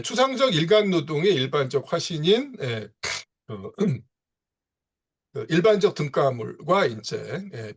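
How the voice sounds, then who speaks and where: Lively man lecturing, filler-heavy. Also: on the high side. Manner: frequent "예" and "이제" fillers, rhetorical questions. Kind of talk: online reading-seminar lecture. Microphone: video call.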